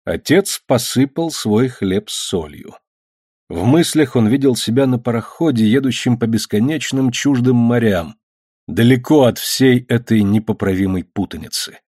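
Husky male audiobook narrator. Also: mid-range voice, unhurried, darkish tone, dry recording, clean studio sound. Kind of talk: scripted narration of a novel.

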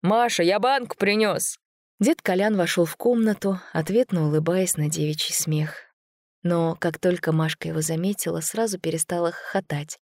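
Woman narrator, lower voice, measured audiobook reading, dry close sound. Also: no echo. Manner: even, measured storytelling.

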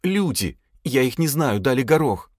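A man's voice: medium pitch, very animated, moderate pace, dry recording, clean studio sound, pitched above the performer's own voice. A man voicing a scared young male hotel worker who pleads and whimpers. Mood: whining.

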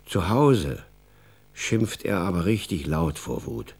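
Deep-voiced male radio play narrator. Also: very animated, slow, creaky, darkish tone, breathy edge. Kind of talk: scripted radio drama narration.

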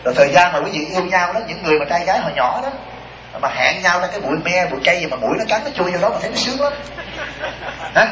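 A man giving a lively dharma talk as a monk, telling stories and asking rhetorical questions. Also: high voice, racing, a crowd in the background. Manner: animated, acts out voices in stories, rhetorical questions. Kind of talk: sermon with storytelling. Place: retreat hall. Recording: dull roomy hall recording.

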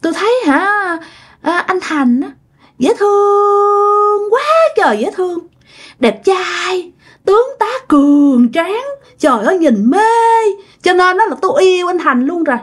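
Woman voicing a high, whiny young ghost girl. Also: lively intonation, a little slow. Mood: lovestruck. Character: hungry wandering young female ghost possessing a grandmother.

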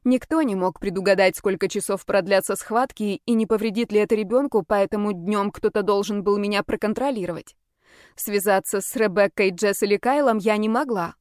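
A woman reading a first-person novel aloud at a steady, measured pace. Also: medium pitch, dry recording, studio quality. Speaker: audiobook narrator.

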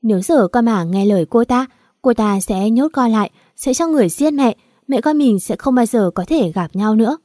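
A scheming mother who begs in a melodramatic, sobbing way, voiced by a woman reading the story. Her voice is fairly high with a dark, mellow tone. It is recorded dry. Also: expressive, moderate pace, dry recording. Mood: manipulative.

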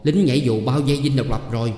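Man doing a steady respected young villager. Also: mid-range voice, quick pace, natural voice. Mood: urgent. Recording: echoey reverberant room.

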